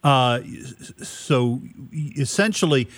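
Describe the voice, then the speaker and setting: A man from New Hampshire hosting a radio talk show, asking questions conversationally and haltingly, repeating words as he goes. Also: mid-range voice, expressive, dry recording. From New Hampshire, United States. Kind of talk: conversational interviewing.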